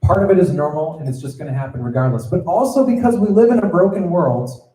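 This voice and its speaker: A man's voice: a little high, lively intonation, fast talker, mellow. A man giving a sermon to students as a youth pastor. He talks conversationally, checks in with the audience and acts out the voices in his stories. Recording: echoey room.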